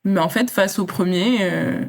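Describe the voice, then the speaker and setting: A young French woman, a champion athlete, speaks as an interview guest in a reflective, casual manner, with many fillers and restarts. Her voice is medium-pitched and creaky, with a measured pace.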